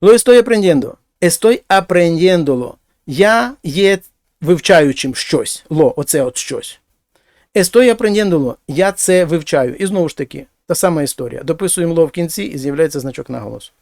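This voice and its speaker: Guy teaching spanish, kinda high voice, dry close sound, says examples louder. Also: lively intonation, no echo. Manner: explains slowly, speaks example phrases louder and higher. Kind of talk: language lesson.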